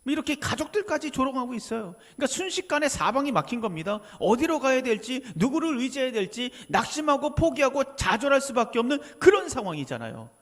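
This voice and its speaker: A man's voice: very high-pitched, sing-song, fast talker, few pauses, fairly bright tone. A male pastor giving a Sunday sermon in a conversational tone, often asking the congregation questions and imitating people's voices. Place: church sanctuary. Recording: church livestream with long hall reverb.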